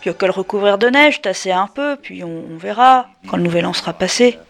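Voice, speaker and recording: A woman's voice: medium pitch, lively intonation, brisk, soft background music, lightly acted. A woman reading an offhand man in fatigues.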